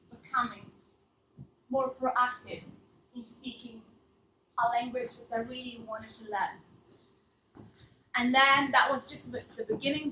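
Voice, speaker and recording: Speaking to a live audience in a reverberant theatre, this Italian woman in her thirties teaches languages and tells her story sincerely in English, slipping slightly now and then. Her pitch sits high, and her tone is bright and forceful. The mic is distant, and faint hiss or hum runs underneath.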